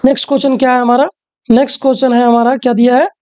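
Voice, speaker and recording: A woman's voice: high voice, little pitch movement, very fast, warm tone. A woman teacher, walking through exam questions and often asking the students rhetorical questions.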